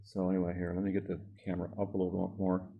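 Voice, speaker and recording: A craft vlogger casually narrates a hot-glue project as he works, rambling, correcting himself and chuckling at his own jokes. His voice sits low and monotone with vocal fry, and he races along. The audio has phone-quality sound.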